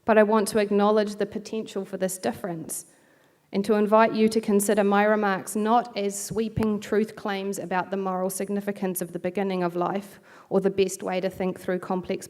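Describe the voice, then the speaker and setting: With a medium-pitched, slightly mellow voice, a middle-aged woman from New Zealand gives a reflective academic keynote in her New Zealand accent. She lightens it with small self-deprecating asides.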